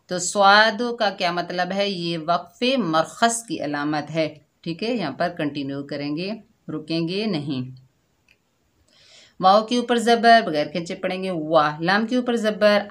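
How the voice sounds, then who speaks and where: A woman teaching Quran recitation word by word, patient and explanatory, slowing to draw out each recited word. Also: on the low side, a bit bright. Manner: patient and explanatory, often adding a checking "theek hai"; slows and draws out the recited words. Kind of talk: slow word-by-word recitation lesson.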